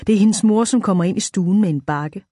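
A woman reading a first-person children's story aloud, in a clear, even storytelling way. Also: medium pitch, no echo, clean studio sound. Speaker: audiobook narrator.

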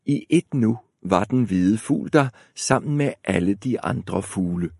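Low-voiced man reading a fairy tale. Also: gravelly, husky, no room sound, studio quality. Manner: calm, measured storytelling. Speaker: narrator. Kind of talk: fairy tale read aloud.

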